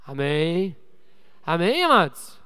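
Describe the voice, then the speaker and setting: A man preaching a sermon as pastor, calling on the congregation for amens and swinging between loud exhortation and quiet asides. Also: fairly high pitch, very animated, slow, clear, resonant tone, long reverb tail. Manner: preaching with call-and-response to the congregation.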